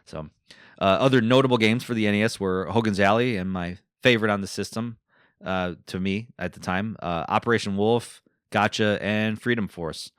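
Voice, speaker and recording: A man's voice: fairly low pitch, moderate pace, clear, resonant tone, dry recording, studio quality. A man with an Eastern European accent hosting a podcast, talking casually and rambling with fillers and asides. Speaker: podcast host. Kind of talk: casual solo podcast talk.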